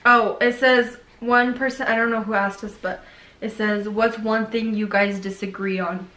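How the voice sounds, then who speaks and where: Her voice is a little high and steady, bright and forceful at an ordinary pace. A young Ukrainian vlogger, she jokes and laughs through a relaxed Q&A chat with her husband in a faintly noisy, echoey room.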